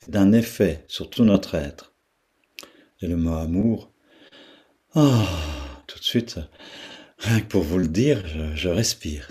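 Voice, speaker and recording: Middle-aged guy teaching meditation, low husky voice, slow with long pauses. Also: a little mellow. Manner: slow, pausing, repeats syllables to demonstrate their sound. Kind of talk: guided meditation talk.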